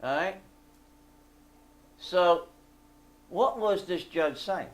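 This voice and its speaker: A man leading a fellowship group, telling a story in a casual, animated way and asking the listeners for agreement. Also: high-pitched, extremely slow.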